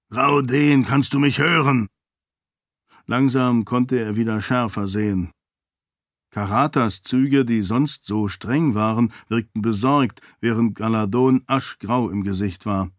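A man reads a novel aloud in a measured, even way. His voice sits mid-range. The recording is dry and close. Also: mid-range voice, no room sound. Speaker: audiobook narrator. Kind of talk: scripted narration.

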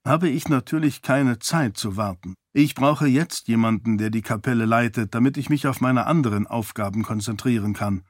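A man voicing a stern, ambitious male high priest in an audiobook, speaking in a commanding, formal way. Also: moderate pace, few pauses, dry recording, studio quality, lightly acted.

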